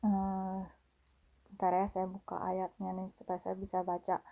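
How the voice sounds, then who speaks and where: A woman telling a personal faith testimony in a casual, halting way, full of fillers and repeated phrases. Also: mid-range voice, completely flat delivery, gravelly, mellow. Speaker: vlogger sharing a faith testimony.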